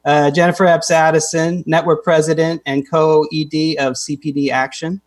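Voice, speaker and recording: A man co-hosting a live panel, introducing guests with a somewhat halting delivery. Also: a little high, flat delivery.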